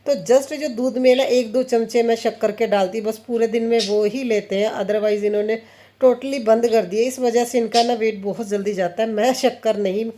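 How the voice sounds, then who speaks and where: Chatty woman with a mellow voice. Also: on the high side, fairly even intonation, moderate pace, a little hiss or hum. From India. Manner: chatty, laughs often, quotes family conversations. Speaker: home vlogger, mother. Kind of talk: casual chatty voice-over of daily routine.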